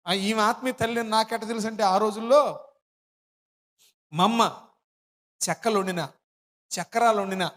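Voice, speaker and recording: A man preaching a testimony sermon as pastor, telling a family story in a lively way and acting out the voices of his relatives. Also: sits high. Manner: animated storytelling, acts out family dialogue. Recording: hall reverb.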